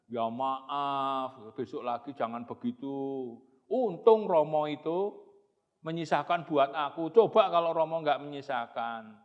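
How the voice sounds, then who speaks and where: A man voicing Bagong, a sulky hungry young boy who whines in a high, crying tone. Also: measured pace, natural voice. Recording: dull echoey hall recording.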